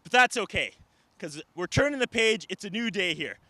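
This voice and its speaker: A man's voice: sits high, lively intonation, moderate pace, pushed and bright, no room sound. A man delivering a wrestling promo, emphatic and indignant, punching out rhetorical questions.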